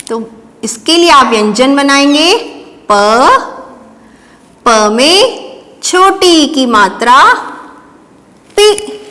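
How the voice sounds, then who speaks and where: A woman teacher with a high voice leads a dictation lesson for small children. She speaks very slowly and patiently, breaking each word into syllables and drawing it out. Her voice carries a long reverb from the room. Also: sharp tone. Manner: slow, patient, spelling words syllable by syllable.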